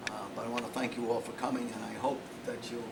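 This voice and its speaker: A man hosting a library event, briskly wrapping it up with closing remarks. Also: medium pitch, little pitch movement, creaky. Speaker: event host. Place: library meeting room. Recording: distant with loud background noise.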